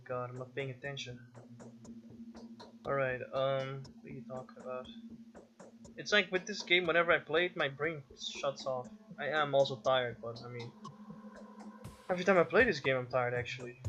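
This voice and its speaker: A man's voice: medium pitch, normal speed, pauses often, pushed and bright. A man casually commenting on a game he plays, reading its text aloud and musing to himself with restarts and self-corrections. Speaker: gaming video host. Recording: slightly dull lo-fi audio with faint game music.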